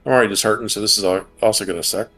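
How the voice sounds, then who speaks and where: A man's voice: fairly low pitch, steady tone, racing, a bit bright, faint music behind. A man playing a tabletop game, chatting casually and joking along.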